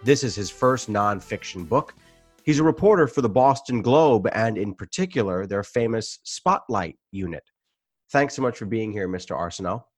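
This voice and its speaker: A man hosting an interview podcast, reading a measured, formal introduction and asking questions. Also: fairly low pitch, expressive, no room sound, soft background music.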